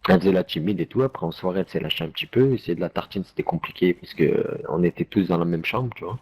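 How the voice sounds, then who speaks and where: A man's voice: deep voice, fast, a little mellow, breathy edge. A young man telling a casual anecdote to friends in street slang, peppered with slang tags and fillers. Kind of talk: casual anecdote told to friends while gaming.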